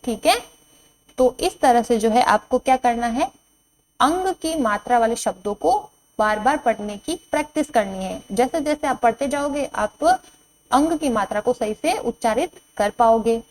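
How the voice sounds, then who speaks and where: A woman teacher giving a board lesson to young children, reading each word out slowly and repeating it, then asking questions and answering them herself. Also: a little high, expressive, darkish tone, slight background noise, rough recording.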